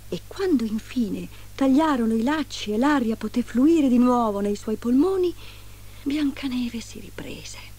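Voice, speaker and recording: A woman reading a fairy tale aloud in an expressive, dramatic storybook style. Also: a little high, measured pace, husky.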